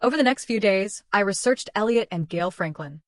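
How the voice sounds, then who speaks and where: A woman giving scripted first-person narration of a story in an even, measured way. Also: medium pitch, dry recording, clean studio sound.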